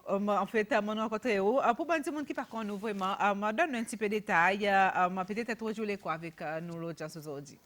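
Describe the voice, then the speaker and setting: A woman's voice: medium pitch, a little fast, few pauses, fairly bright tone. A woman runs a radio interview in a studio. She chats along loosely, breaks off with hesitant fillers, and laughs easily with her guest. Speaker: radio show host.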